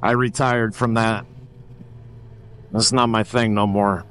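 A man's voice: fairly low pitch, fairly even intonation, slow, fairly bright tone, low-quality recording. A man, giving casual, swearing commentary on a motorcycle ride from a helmet mic. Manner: laid-back, swearing, chatty. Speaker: motovlogger. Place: on a motorcycle on a highway. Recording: wind and engine noise behind.

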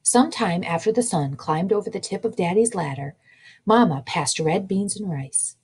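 Librarian lady reading a picture book to kids, breathy, mid pitch, expressive. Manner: slow, expressive storytelling. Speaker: children's librarian.

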